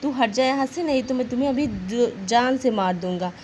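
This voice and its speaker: A woman's voice: a little high, steady tone, moderate pace, darkish tone, slight background noise, close to an everyday voice. A woman voicing a proud, short-tempered male lion, king of the jungle, as she reads a children's story aloud. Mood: angry.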